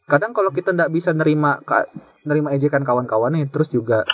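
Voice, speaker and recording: A man's voice: a little high, fast talker, husky, dull audio, soft background music. A man hosting a casual podcast chat, musing aloud and explaining his thoughts with small restarts. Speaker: podcast host.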